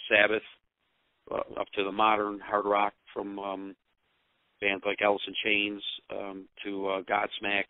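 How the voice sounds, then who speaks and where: Low, halting American man over the phone. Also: no echo. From Utica, New York, United States. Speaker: rock band musician and songwriter being interviewed. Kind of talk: casual interview answers over the phone. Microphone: telephone. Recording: dull, narrow-band phone line.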